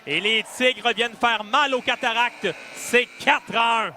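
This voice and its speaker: A man with a Quebec French accent giving animated live colour analysis of a hockey game. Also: extremely high pitch, measured pace.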